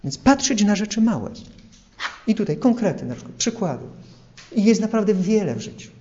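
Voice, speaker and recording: A man's voice: high voice, big pitch swings, normal speed, warm tone, muffled recording, a little hiss or hum. A man preaching an earnest sermon, illustrating his points with everyday examples. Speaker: priest.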